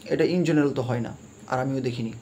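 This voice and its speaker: A man explaining English grammar in a lesson. He talks it through with hesitant fillers, mixes English terms into his speech and reads example sentences out slowly. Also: mid-range voice, warm tone, a little hiss or hum. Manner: slow deliberate reading of English examples, mixing English terms into his talk.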